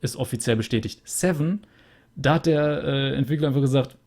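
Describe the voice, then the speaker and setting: A young man hosts a let's play, summing up the game in a casual, rambling way packed with fillers. His voice is mid-range with a slightly dark tone, and he talks a little fast. He's recording at home on a USB studio microphone.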